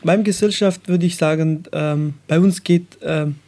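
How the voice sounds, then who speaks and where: A nineteen-year-old man from Afghanistan, a radio guest, speaking slowly and searching for words with many fillers. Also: on the high side, steady tone, dark tone. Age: young adult. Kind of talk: radio interview.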